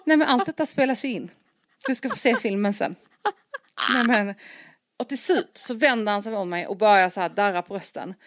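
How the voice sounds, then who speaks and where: A young woman with a mid-range voice co-hosts a podcast, energetically telling a long story in casual chat and acting out the quoted dialogue with animation. The recording is dry and studio quality.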